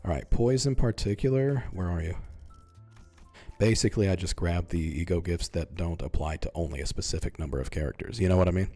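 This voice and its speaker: Young male gamer, low mellow voice, flat relaxed delivery, close mic, faint music underneath. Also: fairly quick. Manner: self-described monotone, relaxed and mumbling. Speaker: gaming YouTuber. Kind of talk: casual gameplay commentary. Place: home streaming setup, leaning back. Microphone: close microphone in front of mouth.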